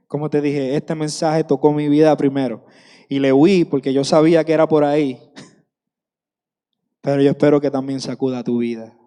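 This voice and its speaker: A man's voice: mid-range voice, mellow, clean tone, long reverb tail. A man in his thirties preaching a sermon with passion, repeating phrases for emphasis.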